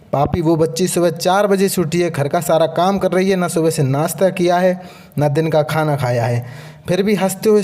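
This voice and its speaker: A sharp-tongued older mother-in-law, read by a man with a high voice, scolding and taunting her household. She is read plainly as part of a storybook telling. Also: close to an everyday voice. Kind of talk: storybook narration.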